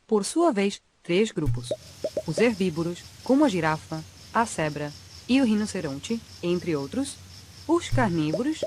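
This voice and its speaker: Encouraging schoolteacher played by an actress, mid-pitched, lively intonation, educational cartoon, faint hiss. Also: female voice, close to an everyday voice. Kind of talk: scripted educational explanation.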